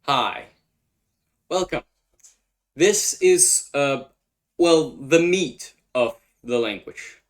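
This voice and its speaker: A young Danish man, native speaker from Denmark, hosts a casual explainer of a language he invented, his mid-range voice animated yet extremely slow with long pauses. He speaks hesitantly, thinking aloud while translating on the spot.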